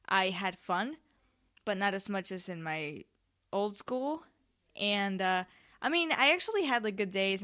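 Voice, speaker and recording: She's seventeen and running a solo podcast, talking casually and digressively and often interrupting herself along the way. A microphone on a tripod picks up her fairly bright, medium-pitched voice.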